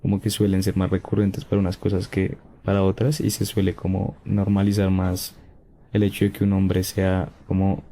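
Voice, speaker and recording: A man's voice: sits low, completely flat delivery, normal speed, mellow. A young man as a podcast guest, thinking aloud and hesitating as he searches for his words.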